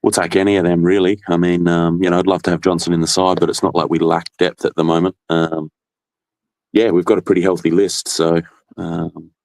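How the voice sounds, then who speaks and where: A man with a low voice and little variation in pitch, close and dry. He chats as a guest caller in an understated, measured manner. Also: little pitch movement, vocal fry, darkish tone, dry recording. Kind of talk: casual chat.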